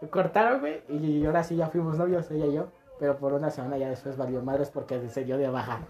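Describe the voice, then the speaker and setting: A man's voice: on the high side, fairly even intonation, quick pace, darkish tone. Slangy young Mexican man telling stories. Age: late teens. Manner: slangy, storytelling, swears freely. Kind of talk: casual chat.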